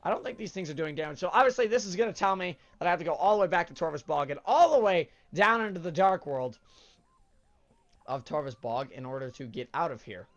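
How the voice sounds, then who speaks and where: Hosting a let's play while congested from a cold, a man meanders through laid-back commentary on the game. His voice is a little high and fairly bright, with lively intonation and a quick pace, but the highs are cut off. He chats loosely, full of uhs and self-corrections.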